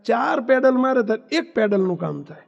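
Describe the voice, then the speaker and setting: A man's voice: extremely high pitch, sing-song, normal speed, gravelly. A man with a Gujarati accent, a swami giving a sermon to young people, preaching, asking the crowd questions and telling stories. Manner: preachy, asks the audience questions, tells anecdotes. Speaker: swami giving a discourse to youth. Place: hall at a religious gathering. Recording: dull reverberant hall recording.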